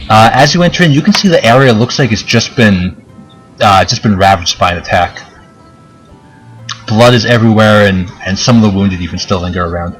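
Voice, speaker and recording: Male game master, casual hesitant narration, jokey chat, lowish voice, soft background music. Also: animated, a little fast, poor audio.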